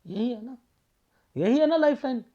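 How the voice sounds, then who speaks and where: A man's voice: very high-pitched, lively intonation, moderate pace, mellow, muffled recording. A man reading a palm aloud for viewers as a palmist, firing off rhetorical questions and repeating phrases for emphasis.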